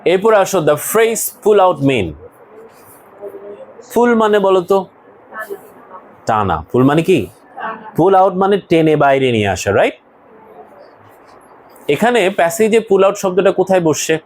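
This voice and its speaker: Man, classroom English teacher, rather high voice, animated delivery, faint background hiss. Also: slow, pauses often, low-quality recording. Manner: explains word by word, asks students questions. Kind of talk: classroom lesson.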